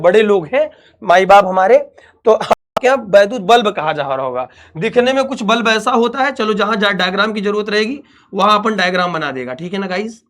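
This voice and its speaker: Here a young man with a high, slightly bright voice teaches physics over the internet. He reassures his students in a friendly, talkative way and refers to them as his dear children.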